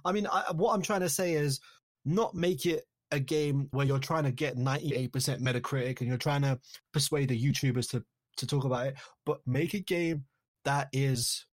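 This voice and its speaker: A man in a casual podcast chat, thinking aloud with halting restarts. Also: medium pitch.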